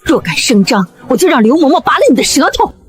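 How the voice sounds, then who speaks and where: A woman's voice: high voice, big pitch swings, fast, a little hiss or hum. An actress playing a cruel, scheming noble stepmother in a period drama, haughty and venomous. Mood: contemptuous. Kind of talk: period short drama acting.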